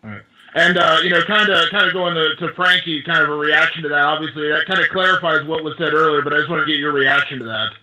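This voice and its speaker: Casting: quick-talking man, very bright tense voice, reporter on a faintly noisy conference call. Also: a little high, steady tone. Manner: wordy, repeats phrases as he builds questions. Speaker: reporter asking questions. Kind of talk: press call questioning. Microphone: telephone conference call. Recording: noisy telephone conference line.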